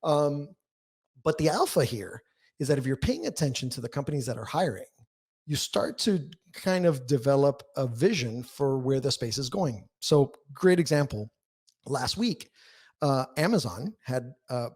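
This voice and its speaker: Slightly mellow and medium in pitch, the man's voice belongs to a newsletter writer guesting on a podcast. He talks casually in the interview, explaining things frankly and with strong emphasis.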